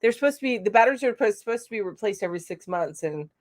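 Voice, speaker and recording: A woman's voice: medium pitch, expressive, racing, dry recording. Chatty woman hosting a live stream. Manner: chatty, reads comments aloud with frequent fillers. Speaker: crochet channel host. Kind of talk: live-stream chat reading viewer comments. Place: home.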